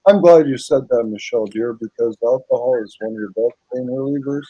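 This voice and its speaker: Husky, mellow man hosting a chat. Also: mid-range voice, a little fast, dry recording. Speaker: host. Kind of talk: casual chat. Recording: dull lo-fi dry audio.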